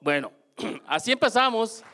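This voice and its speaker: A man with a Mexican accent giving a lively motivational testimonial at a business seminar, often checking in with the audience through quick questions. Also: high-pitched, a little hiss or hum. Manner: keeps asking the audience questions, animated.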